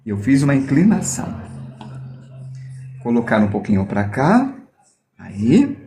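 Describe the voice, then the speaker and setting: In this live online art class, a man with a mid-range, dark voice explains how to draw reflections one step at a time. His pitch swoops wildly while his pace stays measured, and he demonstrates with a mirror, cracking jokes with his audience.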